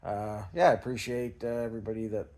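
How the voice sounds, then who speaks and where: In a quick, level delivery with a fairly low, darkish voice, a Canadian man from small-town Ontario talks about scrap recycling. The vlog feels casual and unscripted, full of rambling and self-effacing hesitation.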